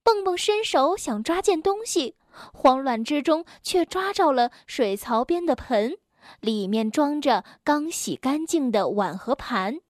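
Animated woman reading a bedtime story. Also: sits high, unhurried, no room sound, studio quality. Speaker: children's story reader.

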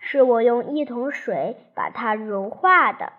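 A woman's voice: fairly high pitch, measured pace, phone-quality sound. A woman voicing an earnest, curious young girl in a children's storybook.

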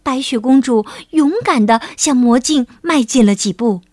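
A woman reading a children's story aloud in a gentle, slow and expressive way. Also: fairly high pitch. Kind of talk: scripted children's story narration. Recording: narration over loud music.

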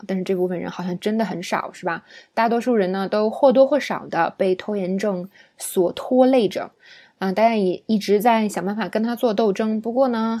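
A woman teaching an English lesson, breaking words down syllable by syllable and often checking in with her listeners through a quick tag question. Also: mid-range voice, darkish tone. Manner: patient, explains pronunciation syllable by syllable. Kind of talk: spoken language lesson.

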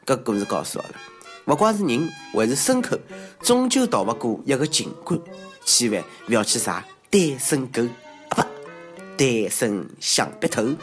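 A man's voice: mid-range voice, very animated, moderate pace, soft background music. A man with a Shanghainese accent hosting a comic monologue in a self-mocking, exclamatory way with theatrical asides. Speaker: comedy show host. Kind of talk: comedic monologue on odd news.

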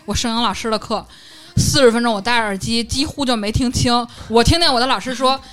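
A young woman recounts a story in a lively, animated way, bouncing into the voices of the people she quotes. Her voice sits a little high, and faint music plays under the talk. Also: a little fast. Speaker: podcast co-host. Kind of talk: casual storytelling chat.

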